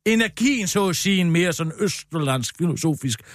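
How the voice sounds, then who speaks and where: Recorded close on a studio microphone with no room sound, a satirical radio comedy host delivers an animated, bombastic lecture in mock-authoritative fashion. His fairly high voice jumps up and down throughout.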